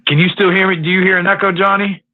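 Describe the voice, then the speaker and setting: A man's voice: sits high, flat delivery, fast. Man's voice doubling through a second device, tinny. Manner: laid-back, friendly, calls people fam and brother. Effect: faint doubled echo from a second device. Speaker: podcast co-host. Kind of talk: casual livestream chat. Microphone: two mics picking up at once. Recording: tinny phone-like line, dry.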